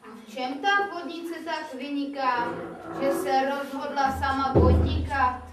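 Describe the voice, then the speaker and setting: A woman voicing a cheerful, helpful boy jester puppet with a lively, encouraging, rhyming delivery in children's puppet theatre. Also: high-pitched, over music, lightly acted. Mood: consoling. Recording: echoey theatre, distant mic, faint noise.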